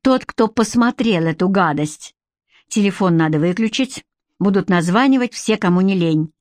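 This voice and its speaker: A woman reading a novel aloud as an audiobook narrator, with an expressive, lively delivery. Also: medium pitch, normal speed, dry recording, studio quality.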